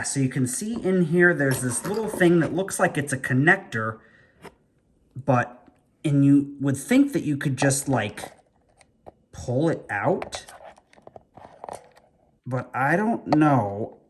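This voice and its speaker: A man's voice: medium pitch, slight background noise. A man giving a casual hands-on toy review indoors at home. He talks in a chatty, rambling way and thinks aloud while he works with his hands.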